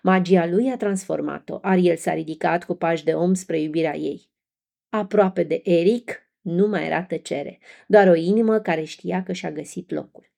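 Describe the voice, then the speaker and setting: A woman narrating a fairy tale in a soft, gently expressive storytelling manner. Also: fairly low pitch, creaky.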